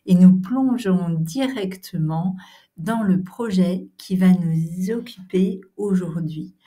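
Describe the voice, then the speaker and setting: Slow, mellow-voiced woman with a French accent. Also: on the low side. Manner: hesitant, many fillers, sometimes whispering. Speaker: channel host. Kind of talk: casual narrated workshop visit.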